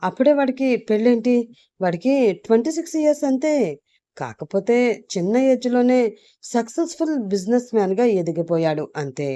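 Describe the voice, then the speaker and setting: A woman's voice: mid-range voice, expressive, moderate pace, dark tone, natural voice. A woman voicing an anxious, well-off middle-aged mother who talks in a fond, pleading way. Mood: warm.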